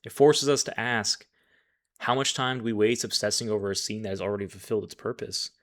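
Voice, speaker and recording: A man who works as a life coach, telling a personal story in a measured, reflective way with occasional self-corrections. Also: on the low side.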